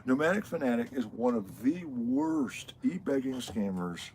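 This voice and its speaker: A man's voice: medium pitch, wildly swooping pitch, a little slow, vocal fry, darkish tone, slight background noise. A man co-hosting a travel vlog who chats casually, speaking bluntly and swearing freely as he tells stories with animation. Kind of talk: casual chat.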